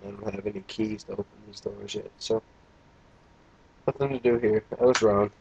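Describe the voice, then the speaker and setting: A man's voice: lowish voice, fairly even intonation, normal speed, creaky, a little mellow, a little hiss or hum, rough recording. Tired young man with crude gaming jokes. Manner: crude, joking, rambling. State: tired, yawning. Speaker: let's play gamer. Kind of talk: casual game commentary.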